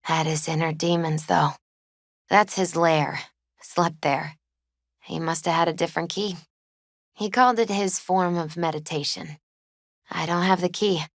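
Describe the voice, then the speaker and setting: Voicing a video game character in mourning, this gentle twenty-something woman speaks in a fairly low, steady tone at a measured pace, pausing often and hesitating in a natural, unforced way. She comes across as subdued, wistful, fond and reminiscing. The recording is dry, with no room sound.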